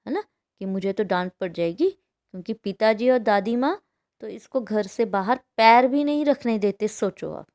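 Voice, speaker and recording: A teacher with a medium-pitched, slightly mellow voice reads a story from a textbook chapter to her pupils at a moderate pace. Explaining it afterward line by line, she frequently asks "है ना?".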